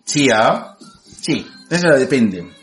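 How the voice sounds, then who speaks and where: A man's voice: mid-range voice, big pitch swings, takes it slowly, soft background music. A man with a Peruvian Spanish accent hosting a casual livestream, reading viewer comments aloud and laughing often. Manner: giggly, reads comments aloud with frequent laughter. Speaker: host.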